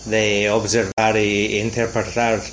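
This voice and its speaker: Canadian man interviewing in halting, second-language phrasing. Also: fairly low pitch, little pitch movement, fairly bright tone, a little hiss or hum. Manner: frequent "ujú" backchannels, halting non-native phrasing. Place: outdoors at a ranch.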